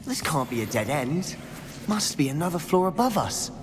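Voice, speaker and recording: A man's voice: on the high side, very animated, normal speed, noisy background. An actor playing a wry, eager young male wizard student in a video game, teasing his companion. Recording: long reverb with loud game music.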